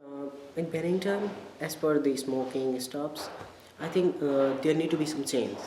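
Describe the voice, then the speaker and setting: This young adult man, a college student with a Nepali accent, speaks in a warm, slightly high voice at an unhurried pace. He answers interview questions casually, hesitating and searching for words, in an echoey room with background noise.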